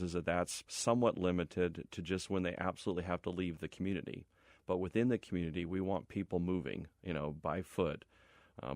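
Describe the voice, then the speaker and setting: A middle-aged man with a deep voice, recorded close and dry in a studio. He talks like an interview guest, explaining things conversationally in a conciliatory way. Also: dry recording. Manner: conciliatory, explanatory, thinking aloud. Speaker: property developer being interviewed. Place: radio station studio.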